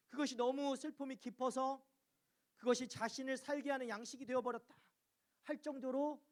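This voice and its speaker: High-voiced emphatic male pastor preaching. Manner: emphatic, questioning the congregation, acting out anguished cries. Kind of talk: sermon. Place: church.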